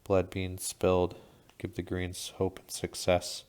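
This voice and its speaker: A man narrating an audiobook in a steady, measured reading. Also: deep voice, clear, resonant tone.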